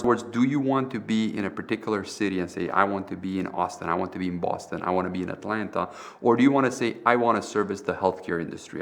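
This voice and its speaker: A man's voice: sits low, creaky. A middle-aged man, a university professor from Romania who grew up partly in the US, explaining business strategy on a panel in a lecturing way. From Romania, raised partly in the US. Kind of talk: panel talk.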